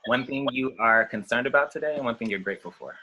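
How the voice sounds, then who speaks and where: A webinar host on a video call, relaxed and informal. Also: mid-range voice, fast, poor audio. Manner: relaxed, informal, laid-back. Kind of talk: casual video call chat.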